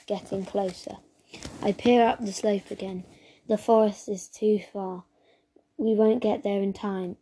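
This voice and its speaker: A woman reading a children's story aloud as narrator, steady and even, with small slips. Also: mid-range voice.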